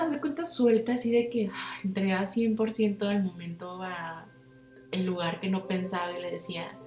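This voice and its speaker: A woman's voice: on the low side, reverberant. A young Mexican woman hosting a podcast, telling a personal story in casual slangy chat and acting out what people said. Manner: animated, slangy, acts out quotes with big voice swings. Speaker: podcast host.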